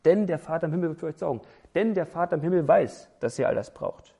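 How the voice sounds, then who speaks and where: A man preaching a sermon in a dark, gravelly voice. He speaks with emphasis and strings words into lists. He drives his points home with rhetorical questions. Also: fairly high pitch, fast.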